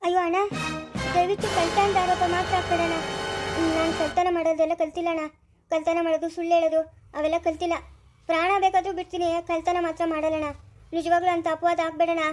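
A woman's voice: very high-pitched, level tone, quick pace, soft background music. A young female performer playing an orphaned village girl who begs not to be called a thief, in a family drama. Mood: pleading. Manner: pleading, begging. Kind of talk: amateur family drama acting.

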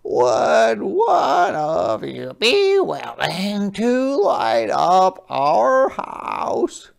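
A reader voicing a polite, gentle young male hermit crab in a storybook, with a slow, eager, wide-eyed delivery. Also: medium pitch, wildly swooping pitch, vocal fry, pitched above the performer's own voice, exaggerated voice. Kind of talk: storybook character voice.

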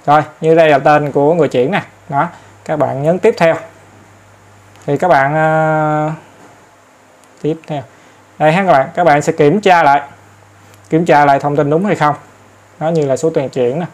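Chatty man, slightly high. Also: fairly even intonation, moderate pace, long pauses. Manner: chatty, repeats filler words, addresses viewers often. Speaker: tutorial host. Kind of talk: casual step-by-step phone tutorial. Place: in front of an ATM for part.

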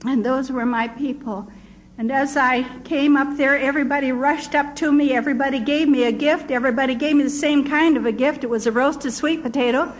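A woman's voice: high-pitched, a little fast, low-quality recording. Older woman telling her testimony. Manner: storytelling, quoting villagers in lively voices. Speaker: missionary speaker. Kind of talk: personal testimony.

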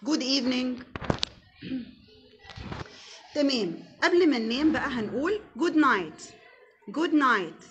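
A young Egyptian woman teaches English to small children in a slightly high voice. She draws each word out very slowly and repeats it for the class to echo. Faint background noise sits under the recording. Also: expressive, fairly bright tone. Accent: Egyptian Arabic. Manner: slow, deliberate English drills with repeated words, quick Arabic explanations. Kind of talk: classroom lesson with call-and-repeat drills.

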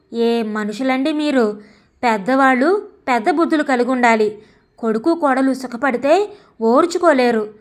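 Woman voicing a sharp-tongued young wife. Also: high-pitched. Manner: sharp, scornful.

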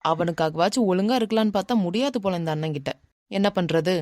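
A woman voicing a brash, bossy but softhearted young man in a cartoon, muttering to himself and scolding, with a Kanyakumari Tamil accent. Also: on the low side, fast, no room sound, studio quality, close to an everyday voice. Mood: musing. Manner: mutters to himself, scolds then turns gentle. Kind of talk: animated cartoon dialogue.

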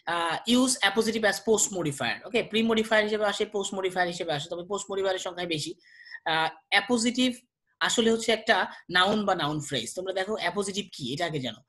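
A young man from Bangladesh teaching an exam-prep grammar lesson, slowing down whenever he reads an example aloud. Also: sits high, pushed and bright. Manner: brisk, slows down to read examples aloud. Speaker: English tutor.

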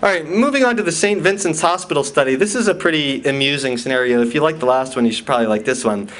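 A man lectures to a hall from his slides, his voice sitting a little high. He talks in a loose, conversational way, full of fillers and restarts, and breaks off to put questions to the audience. His humor is dry and wry. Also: quick pace, fairly bright tone, a little hiss or hum. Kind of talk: conference talk with slides.

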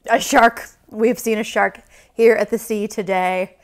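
A woman teaching yoga to young children, playful and silly, with sudden high exclamations. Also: fairly even intonation, a little slow. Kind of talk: guided kids' yoga lesson.

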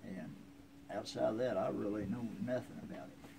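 Reminiscing casually about family history, a man in his seventies speaks in a lowish, expressive, creaky voice at a moderate pace. He has a rural American accent and a folksy, plainspoken style, sitting on a covered wooden porch. A handheld phone a few feet away records him, with outdoor ambient noise around.

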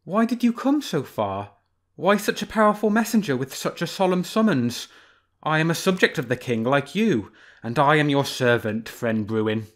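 A cunning male fox from a storybook, talking in a bright, raised voice, as a man puts him on. He is cheery, ingratiating and falsely humble, smooth as can be. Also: fairly high pitch, sing-song, normal speed, pitched above the performer's own voice.

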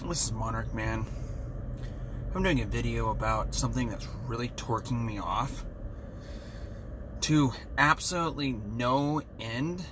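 A man's voice: mid-range voice, measured pace, pauses often, noisy background. A man vlogging an angry, heated rant, talking in an exasperated way.

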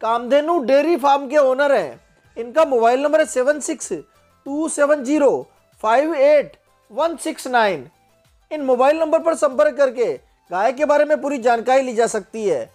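A man, hosting a livestock channel, presenting a cow for sale in a steady, promotional, explanatory voice-over. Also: extremely high pitch, moderate pace, soft background music.

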